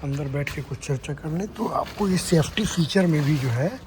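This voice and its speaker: A man's voice: fairly high pitch, animated, normal speed. A man reviewing a car as he walks around it, listing features and checking in with tag questions like "right?". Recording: noisy on-location recording.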